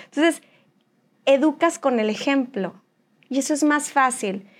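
A woman with a Mexican accent, speaking as an interview guest and telling her personal story in an animated way. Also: high-pitched, measured pace. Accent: Mexican Spanish. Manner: animated, acts out other people's lines. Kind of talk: candid conversational storytelling.

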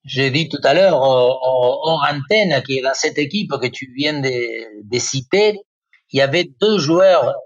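Man with Argentine accent, Spanish native, fifties, football pundit, halting with fillers, muffled lo-fi sound. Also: medium pitch, expressive, dry recording. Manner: hesitant, many fillers and restarts. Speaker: guest pundit, former footballer. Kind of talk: radio football talk.

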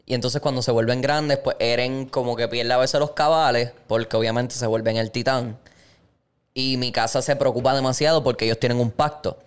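A man co-hosting a casual podcast, his voice smooth and resonant. He rambles and tells stories loosely, sitting in the middle of the usual male pitch range. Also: fairly even intonation, fairly quick. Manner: rambling, storytelling, trades jokes. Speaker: podcast co-host. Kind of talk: casual chat.

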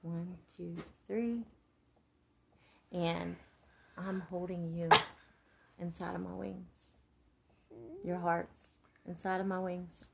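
Mother, casual heart-to-heart, warm encouragement, a touch of vocal fry, faint background hiss. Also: lowish voice. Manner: gentle and encouraging; earnest, speaks of faith and prayer. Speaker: mother talking with her son.

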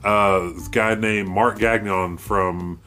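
Low-voiced rambling podcast guy. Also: steady tone, slow pace, bright, forceful tone. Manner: rambling storyteller, curses a lot, restarts often. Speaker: podcast co-host. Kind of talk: casual chat.

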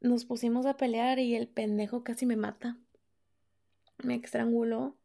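A woman's voice: on the high side, little pitch movement, moderate pace, creaky, dark tone. A young woman with a Mexican accent hosting a podcast, telling a personal story in candid, slangy, profane casual chat. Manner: candid, slangy and profane, acts out quoted lines. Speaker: podcast host.

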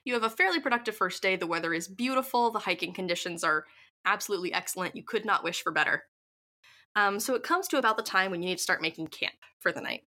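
A woman's voice: medium pitch, animated, quick pace, sharp tone. A woman narrating as game master of a tabletop game, chatty with many fillers and asides.

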